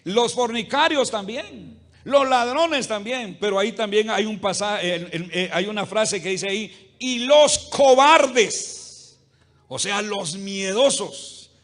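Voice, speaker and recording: A man's voice: sits high, a little slow, few pauses, fairly bright tone. A male pastor preaching a conversational sermon to a congregation, folksy and humorous, constantly asking "¿verdad?" and calling listeners "hermano". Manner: humorous everyday anecdotes. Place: church service before a congregation.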